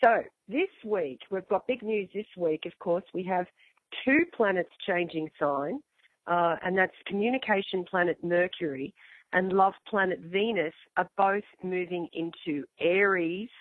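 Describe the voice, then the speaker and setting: Croaky, hoarse woman on a phone-like line. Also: on the low side, unhurried, dry recording. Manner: chatty, informal, addresses listeners directly. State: getting over flu. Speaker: host and astrologer. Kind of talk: astrology show monologue, casual address to listeners.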